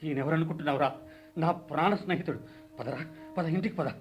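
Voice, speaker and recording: A man voicing a grieving older father in a radio play, slightly high-voiced. He talks in a sorrowful, weary way. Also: fast talker, faint music behind, lightly acted. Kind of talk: radio drama acting.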